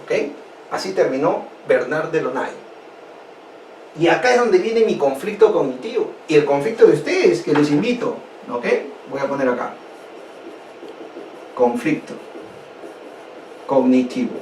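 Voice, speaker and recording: A man's voice: a little high, measured pace, pauses often. Man from Peru, history teacher, rhetorical questions, far from the mic, roomy echo. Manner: animated, rhetorical questions to students. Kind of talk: online history lesson. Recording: echoey room, distant mic, faint noise.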